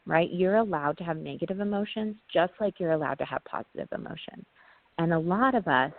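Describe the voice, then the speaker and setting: A woman guest speaking as a parenting trainer, explaining casually, often pausing on "um" and checking in with "right?". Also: low voice. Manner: talks through ideas with frequent "um" and tag "right?". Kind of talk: casual explanatory interview talk. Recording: tinny phone-like line, dry.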